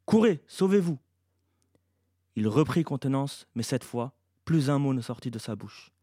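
A man, the author, reading his science-fiction novel aloud in an even, measured narration. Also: mid-range voice, no echo, studio quality.

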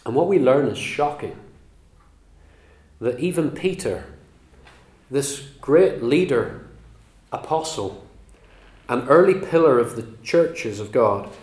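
A man's voice: medium pitch, a little mellow. Earnest male preacher in a roomy space. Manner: earnest, emphatic Bible teaching with measured pauses. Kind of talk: sermon. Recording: roomy echo.

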